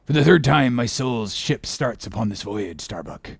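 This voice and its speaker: Gravelly old sea captain Ahab. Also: male voice, medium pitch, expressive, moderate pace, no echo, studio quality. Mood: weary, grave. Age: older. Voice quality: gravelly, husky. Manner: declamatory, archaic speech. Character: old one-legged sea captain, obsessed, defiant, brooding.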